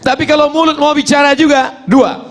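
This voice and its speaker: A man preaching a humorous sermon, moving from quiet recitation to shouting and joking with the congregation. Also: extremely high pitch, moderate pace. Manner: animated, swings from soft to shouting, jokes with the audience.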